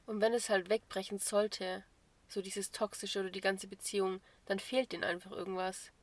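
A woman's voice: mid-range voice, flat delivery, normal speed. A woman co-hosting a podcast, talking things through thoughtfully in casual chat. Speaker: podcast co-host.

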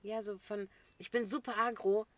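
Young woman, casual co-host chat, animated, slangy, quick to laugh. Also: mid-range voice, no room sound.

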